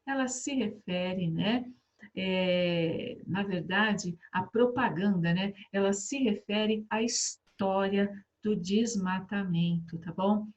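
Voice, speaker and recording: A middle-aged Brazilian woman teaching a recorded class for children, coaxing and warm, full of tag questions. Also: medium pitch. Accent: Brazilian Portuguese.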